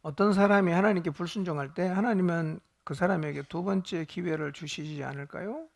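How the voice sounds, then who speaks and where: A man's voice: high-pitched, fairly quick, creaky. A male pastor teaching a Bible study sermon, asking the congregation questions and joking with them.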